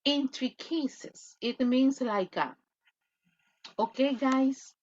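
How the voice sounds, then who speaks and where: A woman's voice: high voice, extremely slow. Emphatic Salvadoran woman teacher, lo-fi. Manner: emphatic, blunt, animated asides. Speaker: English teacher. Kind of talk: online class lecture.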